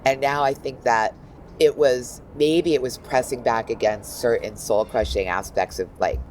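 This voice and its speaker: A woman in her fifties, a guest art critic, talking in a lively, animated way full of asides. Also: extremely low pitch, normal speed, slight background noise, low-quality recording. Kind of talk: casual interview talk.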